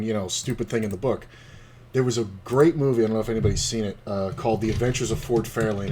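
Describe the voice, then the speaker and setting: While playing online poker, a man with a mid-range, darkish voice keeps up loose, laid-back chatter. He rambles and swears freely as he spins his stories.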